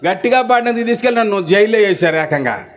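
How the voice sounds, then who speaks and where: A pastor with a Telugu accent preaches a sermon in a high-pitched, expressive voice at a quick pace. He fires off rhetorical questions and repeatedly urges the crowd to answer back in call-and-response.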